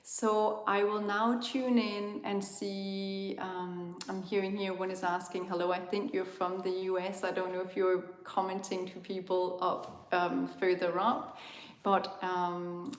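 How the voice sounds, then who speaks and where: A Danish-accented woman from Denmark hosting a live online spiritual talk, speaking gently and searching for words with frequent ums. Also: mid-range voice, little pitch movement, unhurried, reverberant. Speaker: spiritual host of an online tour.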